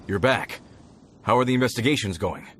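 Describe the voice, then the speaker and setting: A man playing a practical, concerned mine foreman in a video game, speaking in a brisk, plain way. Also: medium pitch, a little hiss or hum, natural voice. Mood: concerned, puzzled. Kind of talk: video game character acting.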